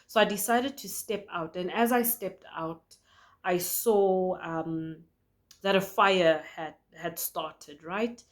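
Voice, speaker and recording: A woman's voice: on the low side, takes it slowly. Earnest woman sharing a prophetic dream. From South Africa. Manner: earnest, conversational, with frequent fillers and restarts.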